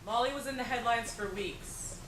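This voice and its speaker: A woman's voice: fairly high pitch, moderate pace. A woman reading scripted historical narration. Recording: echoey, distant, clear background noise.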